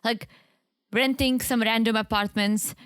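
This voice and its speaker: A woman's voice: fairly high pitch, steady tone, unhurried, fairly bright tone, clean tone, no echo, clean studio sound. A woman co-hosting a podcast in casual, conversational chat. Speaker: podcast co-host.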